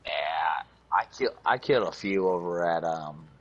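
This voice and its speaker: A man with a low, husky voice chats outdoors at dusk while hunting. He rambles, stumbles over his words and swears freely, in a loose, casual way. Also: a little slow, muffled recording. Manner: rambling, profane, stumbling restarts. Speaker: hunting channel host.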